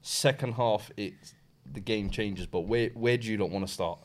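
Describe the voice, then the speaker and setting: A man's voice: fairly low pitch, normal speed, slight background noise. A man with a London accent hosting a casual sports chat in slangy, roadman-style banter. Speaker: host.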